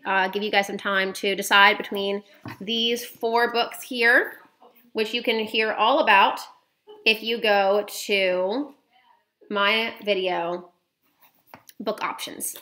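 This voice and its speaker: A woman's voice: medium pitch, pushed and bright. Chatty woman reading aloud to kids. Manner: chatty, loose, with fillers. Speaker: children's book reader. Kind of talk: casual read-aloud sign-off.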